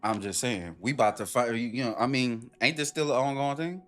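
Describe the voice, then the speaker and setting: A man's voice: medium pitch, fairly quick, faint music behind. Profane man ranting on a stream. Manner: animated, profane, rhetorical ranting. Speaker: streamer reacting to a video. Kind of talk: casual stream commentary.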